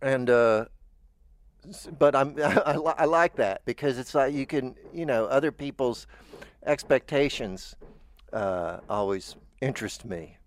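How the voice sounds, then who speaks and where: A man's voice: medium pitch, a little slow, dry recording. Podcast host, American man, chatty and rambling, dry close mic. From United States. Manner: rambling, chatty, with stammered restarts. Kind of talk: casual chat.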